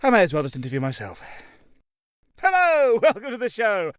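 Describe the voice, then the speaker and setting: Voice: mid-range voice, sing-song, racing, background noise, close to an everyday voice. An actor voicing a vain, manic little robot core who hosts a talk show with theatrical sarcasm and mock voices. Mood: bitter, then showy, manic. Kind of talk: animated comedic show hosting.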